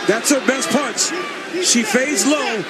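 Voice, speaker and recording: A man giving excited, emphatic technical analysis as a colour commentator at a live fight. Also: very high voice, takes it slowly. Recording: very noisy arena, roaring crowd. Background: roaring arena crowd.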